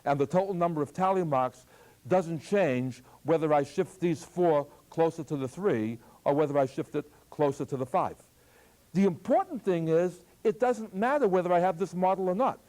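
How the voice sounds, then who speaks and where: An older man, a math professor, giving a lively, joking classroom lecture on algebra. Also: a little high, moderate pace. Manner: lively, jokey, plays with voice inflection. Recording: archival taped lecture.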